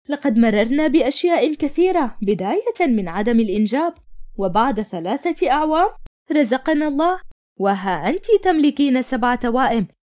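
A woman narrates a cartoon story as a young wife telling her own tale. Her voice sits high and moves over a wide, expressive range. She does all the other figures herself and drops lower for the doctor. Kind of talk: storytelling narration in classical Arabic.

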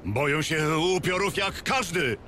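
Game role: blustering king, highish animated voice, irritable, clear background noise. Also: unhurried. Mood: irritable, uneasy. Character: gruff, blustering, foul-mouthed warrior king. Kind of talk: video game acting. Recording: game ambience noise behind.

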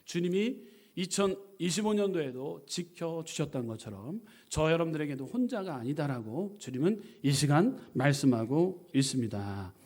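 Korean male pastor preaching a sermon. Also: fairly high pitch. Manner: preaching with emphatic surges in volume, slowing for scripture readings; warm conversational asides to the congregation.

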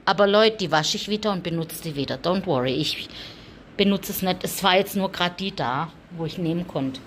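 A woman's voice: normal speed, a little hiss or hum. A woman, talking casually to her viewers and cooing at her cats while she cleans, now and then coughing from her allergy. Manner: chatty, coos and calls to her cats in a high sing-song. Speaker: vlogger. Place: room with cats, indoors.

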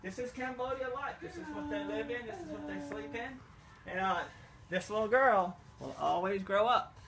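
Man, middle-aged, charity vlog tour, enthusiastic and grateful, high bright voice, outdoors, handheld camera. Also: normal speed, gravelly, slight background noise. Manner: enthusiastic, grateful, explaining as he walks. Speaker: charity representative. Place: outdoors at a village well and a small new house.

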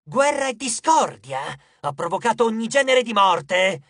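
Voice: medium pitch, very animated, measured pace, fairly bright tone, no room sound, clean studio sound, pitched above the performer's own voice. A narrator voicing a boastful, quarrelsome goddess of strife who hisses her words in an audiobook. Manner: hissing. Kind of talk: audiobook character voice.

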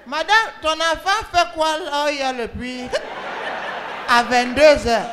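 A woman with a Cameroonian French accent playing an excitable, scolding female emergency call operator in a comedy sketch, talking to callers on the phone. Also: sits high, measured pace, noisy background. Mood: bossy. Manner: scolding, excitable, often laughing and shouting. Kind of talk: comic sketch, one side of phone calls.

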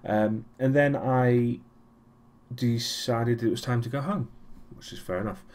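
A man's voice: medium pitch, unhurried, darkish tone. A young man giving a casual weekly vlog recap, rambling with many ums and restarts and a dry, sarcastic streak. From Europe. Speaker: vlogger.

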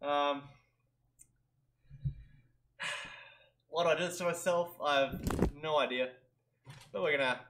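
A young man with a slightly high voice vlogs from a small bedroom. His talk is casual, goofy and self-mocking, with frequent "eh" tags. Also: a bit bright, poor audio. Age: young adult. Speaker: vlogger. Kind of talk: casual chat to camera.

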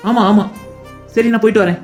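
A woman's voice: fairly high pitch, fairly even intonation, a little fast, darkish tone, faint music behind, natural voice. A woman voicing a young husband in a cartoon, playful and affectionate. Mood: teasing. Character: young husband Ramakrishna, teasing and doting. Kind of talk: cartoon voice acting.

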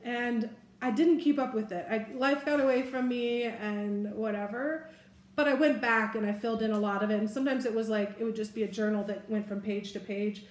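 A woman's voice: a little high, steady tone, a little fast. Chatty woman in an echoey room. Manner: chatty and rambling, upbeat. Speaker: haul vlogger. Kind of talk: casual product haul chat. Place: room indoors, seated at a table. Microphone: camera in front at table distance.

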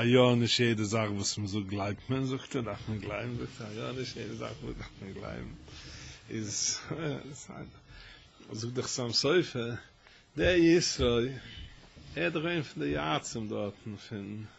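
A man giving a Torah lesson as a rabbi, telling stories with halting restarts and rising to loud, emphatic stretches. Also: medium pitch, creaky. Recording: dull lo-fi recording with faint noise.

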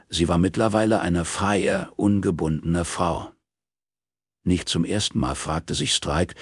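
Deep husky male audiobook narrator. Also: no echo, studio quality. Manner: calm, measured storytelling. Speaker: audiobook reader. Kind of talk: scripted narration.

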